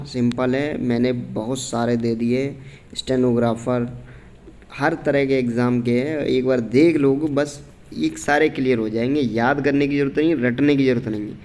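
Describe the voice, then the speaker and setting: Man, exam coaching teacher, casual grammar lesson, mellow voice, informal, keeps checking in with students. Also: mid-range voice. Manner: informal, repeats "theek hai" often, reads out answer options.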